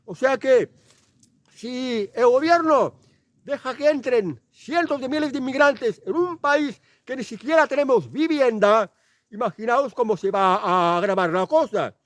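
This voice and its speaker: A man with a Spanish accent from Spain gives an indignant, emphatic monologue, driving each point home by repeating it. His voice sits very high for a man. It is recorded dry and close, with no room sound at all. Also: a little slow, no echo. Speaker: channel host. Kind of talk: opinion monologue.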